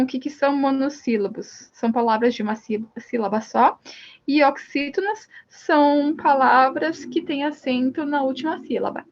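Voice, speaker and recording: A woman's voice: high-pitched, dull audio. A Brazilian woman teaching Spanish grammar step by step, often saying "então" and "ó" as she points to examples. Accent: Brazilian Portuguese. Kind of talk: recorded classroom lesson.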